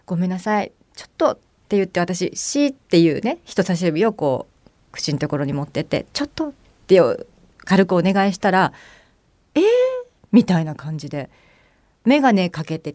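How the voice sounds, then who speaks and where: A middle-aged woman hosting a radio show, telling a story in a chatty, animated way and acting out the voices of the people in it. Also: lowish voice, a little fast, no echo. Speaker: radio host. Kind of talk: casual solo radio monologue.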